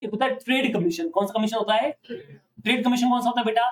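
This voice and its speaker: A male accounting teacher lecturing a classroom, often pausing to ask students questions to check they follow. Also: very high voice, far from the mic.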